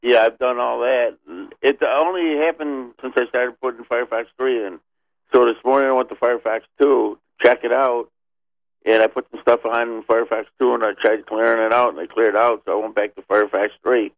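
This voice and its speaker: Halting radio show caller on a phone line. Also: male voice, mid-range voice, fairly even intonation, gravelly, no echo. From Penfield, New York. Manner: hesitant, halting, many filler sounds. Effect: caller heard over a phone line. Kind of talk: calling in with a tech question. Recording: dull lo-fi phone line, dry.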